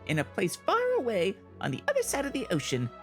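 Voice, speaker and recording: A man's voice: high voice, wildly swooping pitch, brisk, voice pushed up. A man voicing Paimon, a tiny talkative female fairy companion, telling a story in a sing-song way over game music. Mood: storytelling.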